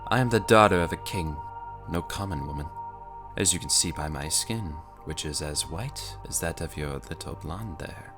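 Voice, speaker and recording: A man voicing a languid, worldly young noblewoman who speaks of dread in a calm, matter-of-fact way for an audiobook. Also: low-pitched, moderate pace, music in the background. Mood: ominous. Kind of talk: audiobook character voice.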